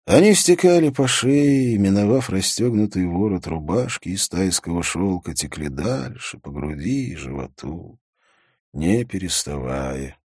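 Deep-voiced man narrating an audiobook. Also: lively intonation, measured pace, darkish tone, breathy edge, dry recording, clean studio sound. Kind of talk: scripted narration.

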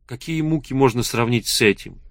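Reading a novel aloud as an audiobook narrator, a man delivers scripted narration in a measured, even voice of middle pitch. The sound is close and dry, without any room echo.

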